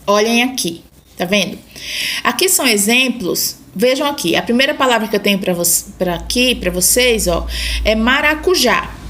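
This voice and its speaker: A woman's voice: fairly high pitch, expressive, normal speed, fairly bright tone, a little hiss or hum. A woman with a Brazilian Portuguese accent teaching a grammar lesson to children, patiently repeating points and checking in with "tá?".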